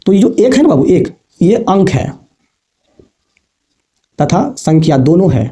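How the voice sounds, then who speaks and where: A man's voice: high-pitched, very animated, measured pace, dark tone. A man teaching a basic maths lesson to students, repeating points patiently and calling them affectionately. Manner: repetitive, addresses students as babu and bachchon.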